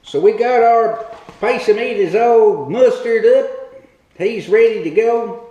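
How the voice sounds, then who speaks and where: A man's voice: high voice, slow, warm tone, roomy sound, muffled recording. A man hosting a comic cooking demo in a home kitchen, talking in a rambling, folksy hillbilly way. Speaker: cooking show host.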